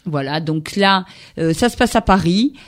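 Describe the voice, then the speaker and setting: A radio host steers an easygoing conversation about crime novels, lively and chatty. The host often jumps in to complete the other speaker's thoughts. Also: mid-range voice, moderate pace. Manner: lively, finishes the guest's sentences. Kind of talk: radio book chat.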